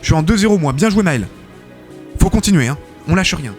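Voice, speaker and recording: A man's voice: fairly high pitch, lively intonation, brisk, faint music behind. A man hosting a live game stream, commentating matches and reading out chat, chatty and full of fillers, thanking viewers often.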